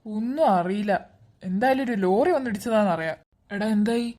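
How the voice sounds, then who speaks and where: Woman playing a young guy, mellow dark voice, shaky and stammering, trying to calm everyone. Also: mid-range voice, a little fast, natural voice. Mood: shaken. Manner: shaken, comforting, stammering. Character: distressed young man, caring older brother type.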